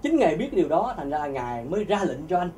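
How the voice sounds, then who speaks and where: A man telling a religious testimony to an audience, animated and often repeating words as he searches for them. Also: on the high side, fast, distant mic, a little hiss or hum. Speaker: speaker giving a religious testimony.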